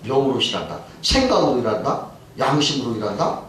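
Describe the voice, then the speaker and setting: A man preaching a sermon as pastor, telling a story with lively voices for the people in it. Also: mid-range voice, fairly quick, very echoey, recorded from a distance, a little hiss or hum, poor audio. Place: church sanctuary.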